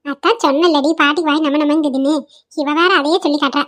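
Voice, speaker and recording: Cartoon dub: fast, high-voiced fussy old grandmother, a woman acting her, sentimental and scolding. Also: fairly even intonation, a bit bright. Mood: fussing. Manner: lamenting, grumbling monologue.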